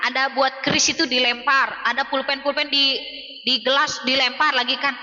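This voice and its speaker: A woman's voice: sits high, level tone, moderate pace, pushed and bright, long reverb tail, muffled recording. A woman preacher with a Sundanese accent giving chatty, emphatic religious advice to mothers, often addressing them as Bun and acting out scolding mothers in little voices. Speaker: female Islamic preacher. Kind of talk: informal religious advice talk on a live stream. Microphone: phone on a live stream.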